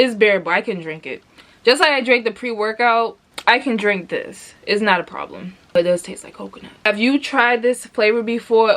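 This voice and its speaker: A woman with a slightly high, fairly bright voice gives a casual product review vlog. She is chatty and rambling, uses lots of fillers, and talks directly to viewers, asking them many questions.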